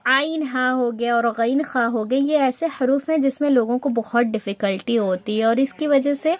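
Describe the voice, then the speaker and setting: A woman teaching Quran recitation rules patiently, step by step, slowing down to recite the example words. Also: high-pitched, no echo. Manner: patient, explains step by step, mixes in English words. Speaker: tajweed teacher. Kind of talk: spoken Urdu lesson with slow recited examples.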